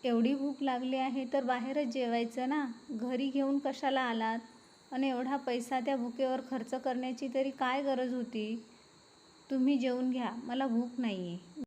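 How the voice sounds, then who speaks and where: A woman's voice: high voice, steady tone, measured pace, a little mellow. A woman voicing a resentful young wife who speaks in a scornful, reproachful way. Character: resentful young wife, bitter and sharp-tongued.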